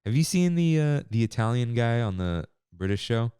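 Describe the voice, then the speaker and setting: Casting note: male podcast co-host, casual and animated, very lively pitch, dry close-miked sound. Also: moderate pace, clear, resonant tone, no echo. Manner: animated, laughs often, acts out quotes. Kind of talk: casual chat.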